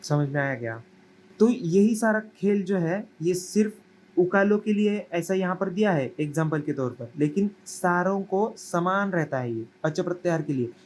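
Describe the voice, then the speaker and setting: Male teacher, young, higher voice, explains step by step, asks the class questions. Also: a little mellow, slight background noise, low-quality recording. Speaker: Sanskrit teacher. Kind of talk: classroom lecture.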